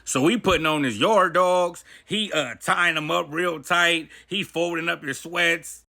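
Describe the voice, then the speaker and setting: A man's voice: fairly high pitch, measured pace, creaky, bright, forceful tone. A man telling a personal story in a casual, profane, slang-heavy way. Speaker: vlogger. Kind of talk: storytime monologue.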